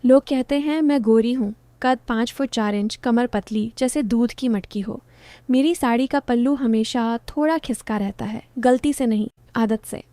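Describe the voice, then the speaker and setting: A woman in her twenties narrates a first-person story in short, softly teasing phrases. Her voice sits a little high yet stays mellow and warm. The sound is close and dry, with no room around it. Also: moderate pace, dry recording. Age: 20s.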